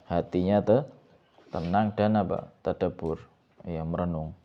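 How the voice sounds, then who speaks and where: A man's voice: sits low, fairly even intonation, unhurried, highs cut off. A man teaching a pesantren kitab lesson as an ustaz. He reads the Arabic text, explains it, and keeps asking his students questions. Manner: asks students questions over and over, mixes in Javanese words.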